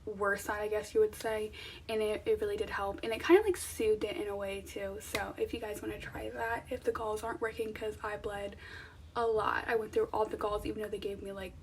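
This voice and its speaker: A woman's voice: medium pitch, fairly even intonation, brisk, distant mic, slight background noise. A young woman talking casually to viewers in an informal, conversational vlog style. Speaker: vlogger. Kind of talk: casual chatty vlog to camera.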